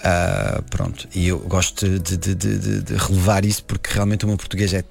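A man's voice: low voice, moderate pace, vocal fry, soft background music. A man born and raised in France, a film director speaking Portuguese as an in an interview, hesitant and full of restarts. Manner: hesitant, many restarts and repeated words. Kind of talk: conversational interview.

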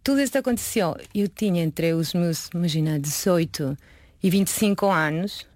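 In a lowish, slightly mellow voice at normal speed, a Mexican pastry chef in her late thirties tells casual stories about her life as an interview guest. Her first language is Spanish. The recording is dry and clean, studio quality, and she's informal and chatty, acting out conversations she recounts.

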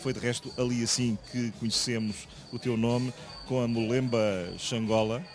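A man with a European Portuguese accent interviewing a singer in a dressing room, pausing often and restarting his questions. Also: mid-range voice, flat delivery, music in the background. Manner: hesitant, many fillers and restarts.

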